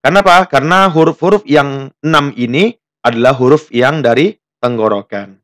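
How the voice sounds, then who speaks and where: A man's voice: mid-range voice, fairly bright tone. A man from Indonesia teaching a tajwid lesson, explaining rules plainly and tagging his sentences with a questioning "ya". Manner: plain explanations, then slow drawn-out chanted recitation of the example verses; often tags sentences with "ya". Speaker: Quran recitation teacher.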